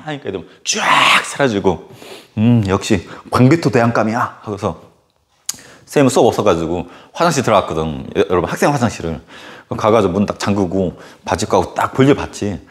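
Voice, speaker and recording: A man who teaches middle-school history, telling a casual anecdote in a lecture with animated storytelling and lots of filler words. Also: fairly low pitch, fast. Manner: animated storytelling full of filler words and sudden acted outbursts.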